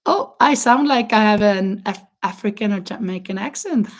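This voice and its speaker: A woman with a non-native English accent and an ordinary middle-range pitch hosts a crochet live stream, casually answering viewer comments. She rambles in a relaxed way, laughs a lot and often stops mid-sentence to find the right English word.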